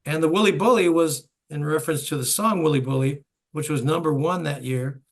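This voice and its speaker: Seventies male host, gravelly, chatty storyteller. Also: a little high, a little fast. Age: 70s. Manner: storytelling, chuckling asides. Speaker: host and bandleader. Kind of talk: reminiscing interview chat.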